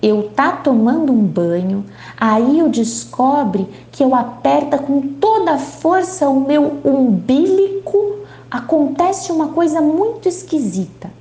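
A woman's voice: high voice, warm tone, roomy sound, heavily acted. A woman reading aloud as a young boy who tells his dream in broken, childlike grammar.

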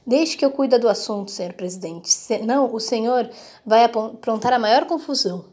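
A woman voicing a stiff, serious middle-aged father in a storybook reading, formal and gruff. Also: a little high, fairly quick, darkish tone, lightly acted.

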